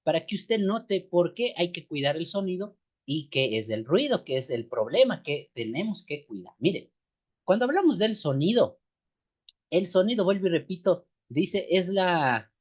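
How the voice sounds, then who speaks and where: Male church music teacher with a slight cold, expressive delivery, muffled lo-fi recording. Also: sits high, normal speed, breathy edge. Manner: explains step by step, addresses listeners as sisters and brothers. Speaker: seminary teacher. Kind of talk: church music lesson, lecturing. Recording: dull lo-fi recording.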